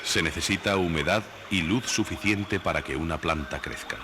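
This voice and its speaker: A man reading scripted nature documentary narration in a measured, didactic way. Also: low voice, background noise. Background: background music.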